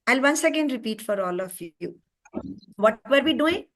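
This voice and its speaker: A woman's voice: sits high, lively intonation, normal speed. Emphatic Indian woman teacher trainer. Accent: Indian English. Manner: emphatic, keeps checking in with "right?". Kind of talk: online training class.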